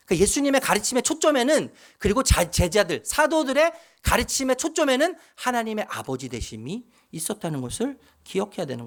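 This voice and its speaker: A male pastor preaches a Sunday sermon with a very expressive, animated pitch that rises and falls widely. He speaks straight to the congregation, asks them questions and repeats key words for emphasis.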